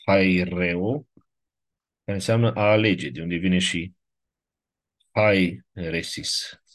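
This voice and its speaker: With a deep voice and no room sound, a biblical Greek teacher lectures online. He takes listeners through the material one step at a time, checking in with them frequently.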